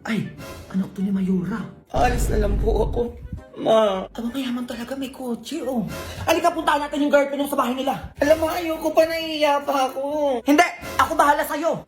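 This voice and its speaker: A woman acting out comic family and classroom skits, switching between characters in a lively, teasing way. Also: high-pitched, fairly quick, reverberant, soft background music. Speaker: comedy sketch performer. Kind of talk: skit comedy acting many characters.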